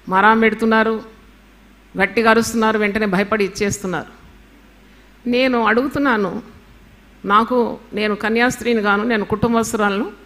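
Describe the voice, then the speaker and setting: An older woman preaches with a bright, forceful voice, pressing her points hard. She tells homely stories between her teaching and drops in English phrases. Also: medium pitch. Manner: emphatic, storytelling, mixes in English phrases. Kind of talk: sermon.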